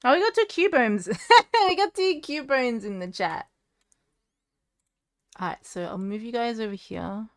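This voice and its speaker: A woman's voice: fairly high pitch, lively intonation, measured pace, pauses often, no echo. A woman streaming from home, chatting casually and rambling to her chat while fixing her setup, close to a desk mic.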